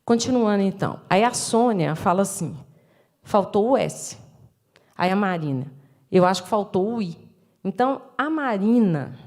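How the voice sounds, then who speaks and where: A woman's voice: medium pitch, darkish tone. Brazilian woman lecturing on children's writing. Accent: Brazilian Portuguese. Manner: explanatory, acts out classroom dialogue, frequent tag questions. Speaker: education professor giving a talk. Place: lecture room.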